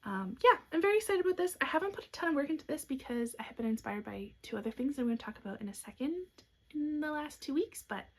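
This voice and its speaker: With hiccups interrupting her, this young knitwear designer and podcast host talks fast in a high, lively voice. She chats cheerfully through a casual show-and-tell of her designs, dropping in soft asides.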